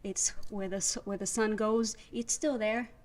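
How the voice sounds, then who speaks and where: Therapy-student guest, woman, mid voice, level monotone. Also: mid-range voice, normal speed. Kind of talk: casual podcast chat.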